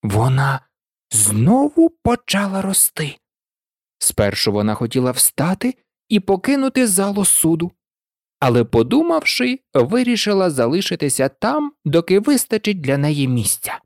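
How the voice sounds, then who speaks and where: A woman narrating a storybook in an expressive, lively reading. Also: lowish voice, measured pace, no room sound, clean studio sound.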